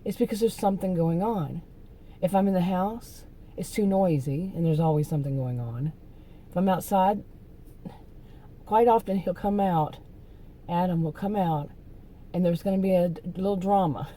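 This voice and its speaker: A woman talks to camera in a loose, rambling vlog monologue, often losing her thread and trailing off. Her soothing voice sits a little low and sounds very mellow and dark. Faint ambience hums in the background. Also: moderate pace, pauses often, slight background noise, rough recording. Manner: rambling, easily distracted, trailing off. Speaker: YouTuber.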